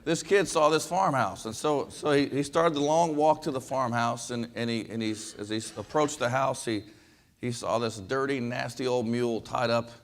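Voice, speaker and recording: Kansas-raised coach giving a speech, tells a story, lots of uh and um, mid pitch. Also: male voice, moderate pace. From western Kansas, USA. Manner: rambling, repeats words, many fillers. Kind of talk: folksy storytelling speech to an audience.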